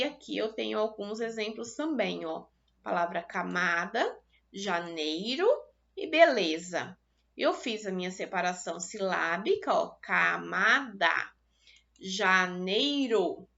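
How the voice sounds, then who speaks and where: A woman teacher with a Brazilian Portuguese accent gives a recorded lesson to children, slowly drawing out the syllables of example words. Her voice is fairly high, gravelly and a bit bright, and the recording's highs are cut off.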